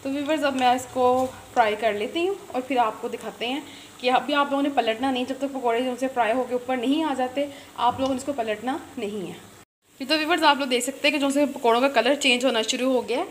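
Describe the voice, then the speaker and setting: A chatty woman talks her viewers through a recipe, filmed on a phone camera in her home kitchen. Her voice sits fairly high, and a faint hiss of noise runs under it. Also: fairly quick. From Pakistan. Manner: chatty, repeats filler phrases, addresses viewers directly. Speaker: cooking channel host. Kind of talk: home cooking tutorial.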